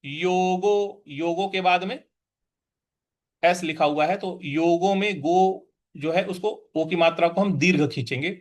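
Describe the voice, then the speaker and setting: Male scripture teacher, high voice, drawn-out chanting, patient, syllable-by-syllable pronunciation drills. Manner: chants verses in a drawn-out, sung tone. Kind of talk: slow recitation lesson.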